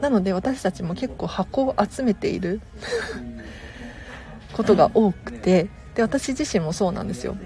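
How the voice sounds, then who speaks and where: A woman hosting a live stream as a tidying consultant, chatting politely and casually with viewers, laughing softly now and then. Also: medium pitch, big pitch swings, measured pace.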